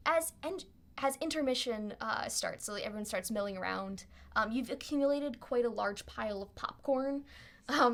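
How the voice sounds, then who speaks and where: A woman runs a tabletop game with a slightly high voice. She narrates casually and playfully, making it up as she goes and often halting to find the next phrase. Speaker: game master.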